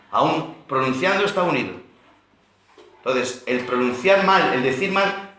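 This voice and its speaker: Male pastor, Bible study lesson, asks questions of the room, slightly high voice, faint background noise. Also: sharp tone. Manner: explanatory, asks the audience questions. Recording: very echoey room.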